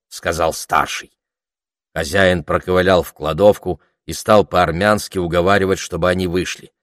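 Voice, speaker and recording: Low voiced guy calmly reading a story aloud, dry close sound. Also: no room sound. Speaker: audiobook narrator. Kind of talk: scripted narration.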